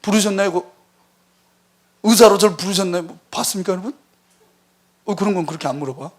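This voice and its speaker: A man in his forties, a missionary preaching a lively sermon in a church, telling stories and acting out the voices in them. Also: high voice, fairly quick. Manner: animated storytelling, acting out quoted voices.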